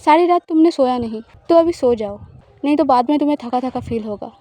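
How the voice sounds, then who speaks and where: A woman plays a smug, possessive young spouse in an audio story, teasing and coaxing with a smile in the words. The voice is high but mellow and soft. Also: brisk, close to an everyday voice.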